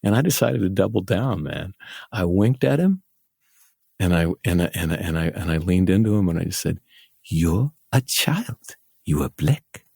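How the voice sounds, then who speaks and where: A man co-hosting a podcast, telling a story in a casual, animated and self-mocking way, laughing often. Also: low-pitched, a little fast, vocal fry, breathy edge, dry recording, studio quality. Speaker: podcast co-host and actor.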